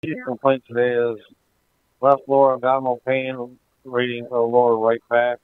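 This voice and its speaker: A man's voice: medium pitch, completely flat delivery, moderate pace, clear, resonant tone, no echo. A man giving terse emergency reports as a radio caller, crackling over a two-way walkie-talkie. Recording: tinny band-limited police scanner radio.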